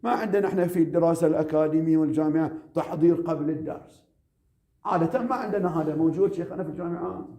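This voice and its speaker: A man, a cleric lecturing seminary students, emphatic and repetitive, slowing down to stress his points and asking rhetorical questions. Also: on the high side, dark tone, dull audio. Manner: slows down to stress key phrases.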